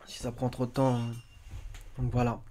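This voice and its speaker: A man talks through his points in a loose, explanatory way, with plenty of hesitation and restarted phrases. His voice is warm and mellow, at an ordinary pitch for a man. He keeps turning to the listener and urging them to think for themselves. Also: monotone, moderate pace, slight background noise. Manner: hesitant, many fillers and restarts, often asks listeners to question things. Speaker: video commentator. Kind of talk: casual explanatory commentary, reading verses aloud.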